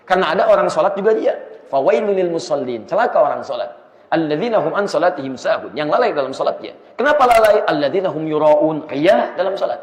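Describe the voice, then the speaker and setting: A man preaching an Islamic study sermon, asking the audience rhetorical questions in a lively way. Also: on the high side, fast. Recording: echoey hall, slightly dull sound.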